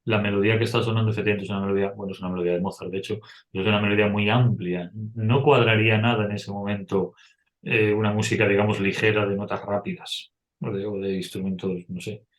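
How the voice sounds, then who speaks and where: A man's voice: on the low side, steady tone, fast, reverberant. A middle-aged man teaching music, explaining step by step and humming short melodies as examples. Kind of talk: explanatory lecture.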